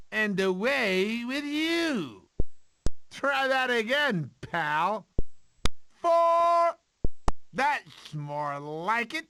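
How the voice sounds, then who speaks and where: An actor playing a cowardly, talkative male sloth in an animated video game, with an excitable, theatrical, whiny delivery. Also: high voice, slight background noise, exaggerated voice. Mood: plucky.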